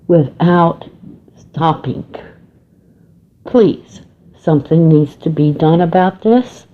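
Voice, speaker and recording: A woman leaving a voicemail over a landline phone, slowly listing her complaints with pauses. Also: lowish voice. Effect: heard over a landline phone. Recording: tinny landline phone line.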